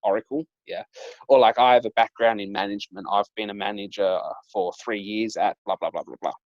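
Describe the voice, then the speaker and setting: A man's voice: on the low side, steady tone, fairly quick, darkish tone, no room sound, lo-fi sound. A young man, hosting a casual chat and telling stories with lots of fillers like "like" and "um". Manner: chatty storyteller, lots of "like" and "um". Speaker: dating coach and host.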